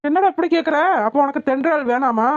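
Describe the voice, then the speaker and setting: A bossy village husband, voiced by a woman, lectures and scolds in a fairly high voice. The sound is dry and a little dull. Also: fast, no echo, lightly acted. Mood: lecturing.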